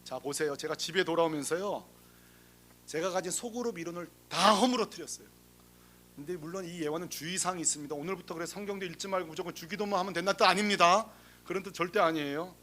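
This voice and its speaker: High-voiced male pastor telling lively stories. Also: quick pace. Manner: lively, humorous storytelling that acts out the people in the story; talks straight to the congregation with rhetorical questions. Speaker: senior pastor. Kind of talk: sermon.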